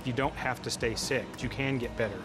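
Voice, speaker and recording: A man in a clinical role speaks in a confident, matter-of-fact tone at a mid pitch. He is interviewed indoors on a lapel mic, with clear music beneath him. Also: fairly even intonation, a little fast. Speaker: cardiac rehab clinician. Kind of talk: documentary interview.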